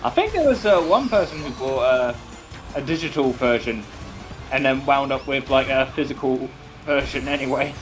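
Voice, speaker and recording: A British man chatting casually over voice chat while playing a racing game, rambling and excitable. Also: medium pitch, normal speed. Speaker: gamer in voice chat. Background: racing game music.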